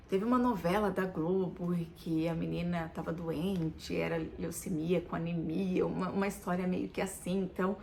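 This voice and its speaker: A woman's voice: mid-range voice, a little hiss or hum. A middle-aged Brazilian woman recounting a hard family story in an emotional, repetitive way, her voice wavering near tears. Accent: Brazilian Portuguese. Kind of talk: personal account to camera.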